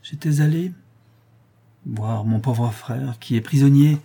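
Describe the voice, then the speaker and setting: A man's voice: mid-range voice, takes it slowly, vocal fry, mellow, slightly rough, full character voice. A man voicing a weary working mother in a hospice, speaking in a hesitant, tender and sad way. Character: weary working woman, mother, sister of a prisoner.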